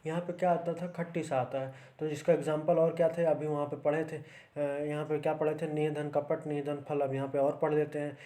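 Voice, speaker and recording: Male grammar tutor, mellow tone and slightly high pitch, patient step-by-step exam-prep delivery. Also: little pitch movement, fairly quick. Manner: explains step by step with frequent checks like "ठीक है" and "है ना". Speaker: Hindi grammar teacher.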